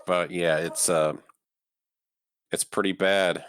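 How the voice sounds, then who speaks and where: A man leading a casual group chat in a halting, rambling way. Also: sits low, fairly even intonation, fairly bright tone. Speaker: leads the group conversation.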